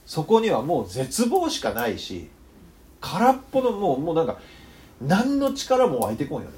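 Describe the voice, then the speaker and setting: A man with a northern Kyushu accent preaching a sermon, telling the story with animated, joking asides. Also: fairly high pitch, moderate pace. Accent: northern Kyushu Japanese. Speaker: pastor.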